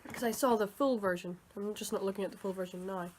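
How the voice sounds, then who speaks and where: Talking fast in a medium-pitched, darkish voice, a somewhat sick woman rambles casually to her vlog viewers and keeps correcting herself. There's slight background noise. She creates videos and reads comic dubs.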